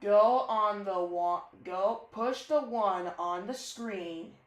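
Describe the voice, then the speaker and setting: A mid-range voice belongs to a ham radio operator chatting casually on his live stream, stumbling and self-correcting as he spells a call sign in phonetic letters. The recording quality is low.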